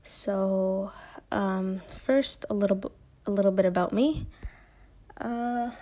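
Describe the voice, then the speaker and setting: A woman's voice: medium pitch, slow, dark tone. A young woman from Minneapolis, a university student, hosting her own podcast in casual, rambling talk with lots of fillers and self-corrections, a bit nervous. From Minneapolis, United States. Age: young adult. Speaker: podcast host.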